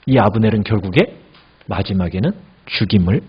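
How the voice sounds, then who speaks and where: A man's voice: on the low side, lively intonation, brisk, breathy edge, lo-fi sound. A man preaching a midweek sermon as pastor, asking the congregation questions as he goes.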